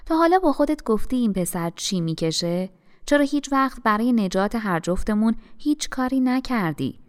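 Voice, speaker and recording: A woman's voice: on the high side, expressive, lightly acted. A woman reading the lines of a wounded young man reproaching his mother in an audiobook. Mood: reproachful. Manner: pleading, reproachful.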